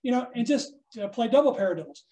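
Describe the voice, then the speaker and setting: A man teaching a snare drum masterclass, coaching a student hands-on and checking in often with a quick "okay?". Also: very high voice, animated, dark tone. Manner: instructive, checks in with frequent "okay?". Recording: echoey room.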